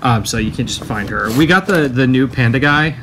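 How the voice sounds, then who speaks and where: A man casually showing off a haul from an apartment room, talking in a relaxed way with many ums and fillers. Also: mid-range voice, a little fast, noisy background. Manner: relaxed, many ums, enthusiastic about collectibles. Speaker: co-host showing a merchandise haul. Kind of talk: casual chat. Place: one-bedroom rented apartment, indoors.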